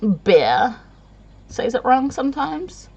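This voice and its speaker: A woman's voice: high-pitched, sing-song, takes it slowly, a little mellow, breathy edge, lo-fi sound. A tired woman chatting to camera in a rambling, self-deprecating way, laughing often. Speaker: vlogger. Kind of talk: casual chat to camera.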